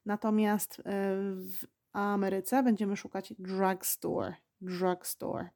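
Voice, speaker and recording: A woman hosting a podcast lesson, speaking slowly and patiently and repeating each word for learners. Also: medium pitch, darkish tone. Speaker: English teacher and podcast host.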